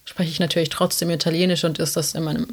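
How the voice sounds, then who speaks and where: Her voice is deep, with little pitch movement and a quick pace: a young woman from South Tyrol, Italy, co-hosting a podcast in a South Tyrolean German accent. She keeps the chat casual and rambling, full of fillers.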